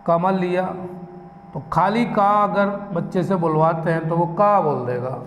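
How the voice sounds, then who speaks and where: Male lecturer, high voice, slow deliberate delivery, roomy reverb with faint ambience. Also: slight background noise. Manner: slow, deliberate, drawn-out syllables, rhetorical questions. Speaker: teacher. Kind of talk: classroom lecture. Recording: echoey room, faint ambience.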